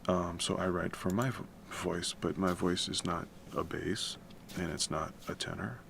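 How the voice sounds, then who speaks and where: Late at night in a room at home, this man streams his music composition work and chats in a quiet, unhurried, creaky deep baritone. His talk is relaxed and rambling, with casual swearing, and he keeps it low to avoid noise. Typing and other background noise are clearly audible.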